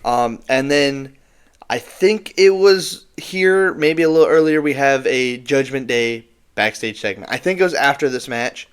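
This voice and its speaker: Young guy rambling bout wrestling, kinda stumbly, smooth voice. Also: medium pitch, a little slow. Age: young adult. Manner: rambling, stumbles over words. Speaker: podcast co-host. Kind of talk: casual wrestling recap chat.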